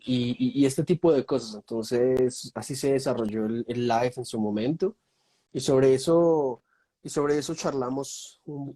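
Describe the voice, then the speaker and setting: Appearing as a guest on a relaxed video call, this young man from Colombia talks thoughtfully, running through a list of topics with many fillers. His voice is medium-pitched and warm, with a Colombian Spanish accent.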